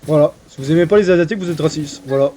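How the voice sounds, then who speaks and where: A man's voice: fairly high pitch, racing, mellow, a little hiss or hum. A young man casually commenting on his gameplay while chatting with viewers, joking and crude. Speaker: streamer. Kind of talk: casual live game commentary.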